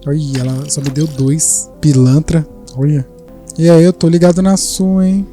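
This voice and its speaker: A man giving excitable gameplay commentary, cursing at enemies as he plays. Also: on the high side, normal speed. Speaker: gaming streamer. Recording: voice over loud game music.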